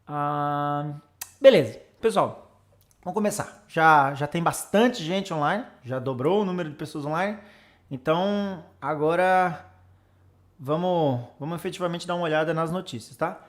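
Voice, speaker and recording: A man's voice: fairly high pitch, unhurried. Chatty male tutor. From Santa Catarina, Brazil. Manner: chatty, reads out viewers' names and comments. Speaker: online tutor for exam students. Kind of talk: casual live-stream class.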